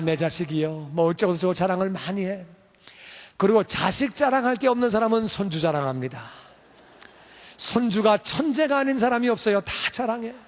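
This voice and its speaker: A male pastor preaching a sermon. He is animated and moves between loud emphasis and quiet asides. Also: sits high. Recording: long reverb of a church hall.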